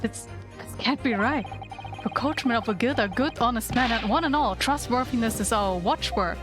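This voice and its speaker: A woman's voice: fairly high pitch, normal speed, natural voice. Woman as a pompous, blustering guildmaster, music behind. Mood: indignant. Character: pompous, indignant male coachmen's guildmaster in a game. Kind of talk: amateur voice acting of game dialogue.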